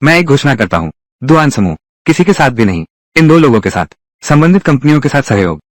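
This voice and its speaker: Brief: male voice actor as a young heir, commanding, formal delivery, lively pitch, dry close recording. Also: fairly quick, no echo, close to an everyday voice. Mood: firm. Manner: formal, declarative speech. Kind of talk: dubbed drama dialogue.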